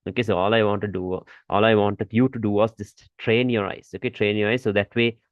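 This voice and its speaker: A man's voice: fairly low pitch, flat delivery, fairly quick, dry recording, muffled recording. A man teaching a trading lesson over a shared screen, repeating his points and saying "okay" often, with firm warnings. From Malaysia.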